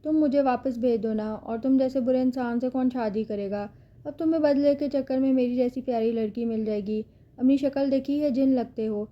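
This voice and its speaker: A woman reading the part of a frightened but defiant young woman held captive, pleading and sharp-tongued. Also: sits high, muffled recording, natural voice. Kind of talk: audiobook character reading.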